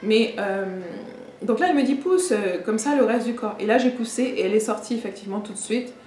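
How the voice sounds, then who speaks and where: A young adult woman retelling a personal story in a vlog, halting, with many fillers and restarts. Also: a little high, darkish tone. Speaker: vlogger. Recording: echoey room with faint ambient noise.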